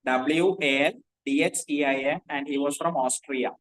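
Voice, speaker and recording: Indian English male tutor, slightly high voice, dictates and spells each word for students to copy. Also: fairly even intonation, moderate pace, fairly bright tone, poor audio. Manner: spells words out letter by letter, repeats himself. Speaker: teacher. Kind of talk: classroom lecture dictating notes.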